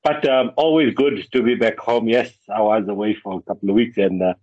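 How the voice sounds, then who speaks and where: Husky South African Indian man, radio guest. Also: lowish voice, fairly even intonation, fairly quick, a little mellow, no echo. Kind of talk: conversational radio interview. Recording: dull, lo-fi radio link.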